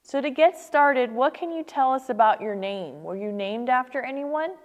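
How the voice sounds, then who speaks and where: A woman's voice: high-pitched, animated, moderate pace. A woman conducting an oral history interview, asking prepared questions.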